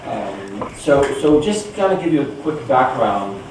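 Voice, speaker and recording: Very animated yet unhurried, a medium-pitched man gives an informal guest talk to an audience indoors. Born in Damascus, Syria, he moved to the US when young, and he keeps it conversational, frequently checking with listeners through "you know" and "right?". A distant mic captures a very echoey room with clear noise.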